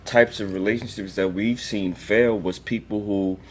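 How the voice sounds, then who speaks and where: A man's voice: lowish voice, fairly even intonation, normal speed, a little hiss or hum. A young adult married man co-hosting a podcast in joking, emphatic casual chat. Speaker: podcast co-host.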